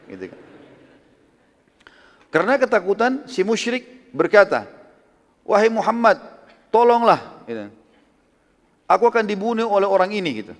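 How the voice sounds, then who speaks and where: Lively male preacher in reverberant hall. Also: a little high. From Indonesia. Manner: lively retelling, acts out quotes with tag "gitu kan". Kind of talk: storytelling religious lecture.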